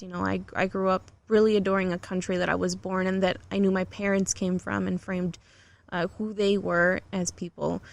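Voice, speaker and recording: A woman's voice: mid-range voice, creaky. A young to middle-aged woman who grew up in the United States, speaking earnestly in long reflective runs as a podcast guest. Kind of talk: casual interview talk.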